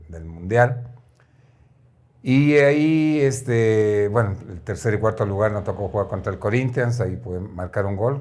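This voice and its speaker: A man in his sixties from Chile, a former footballer telling his career story in a relaxed, reflective way with frequent fillers. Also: fairly low pitch. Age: 60s. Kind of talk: casual interview storytelling.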